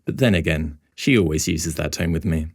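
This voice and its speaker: A man's voice: a bass voice, normal speed, vocal fry, husky, no echo. A man narrating an audiobook in the first person, with a wry, inward storytelling manner, on a close studio mic.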